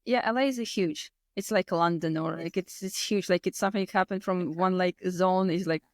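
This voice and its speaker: The recording has no room sound: just a lowish, normal-paced voice of a Latvian-accented woman in her thirties. She's a guest on a podcast, casually recounting personal stories in interview, with loose non-native English grammar and word order.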